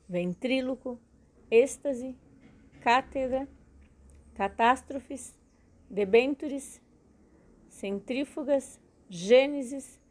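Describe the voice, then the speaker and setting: A woman teaching a recorded grammar lesson, explaining slowly and splitting words into syllables, often checking in with her students. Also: on the high side, a little mellow.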